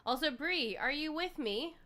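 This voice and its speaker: Bright, high-voiced woman hosting a live stream. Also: animated, moderate pace. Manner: chatty, laughs often, greets chat by name. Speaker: board game streamer, host. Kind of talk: casual live-stream chat.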